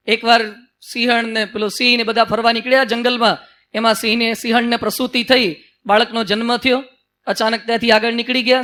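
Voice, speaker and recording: A man delivers a sermon in a voice pitched unusually high for a man. His tone is bright and ringing. He tells parables in an animated way, with playful asides. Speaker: preacher.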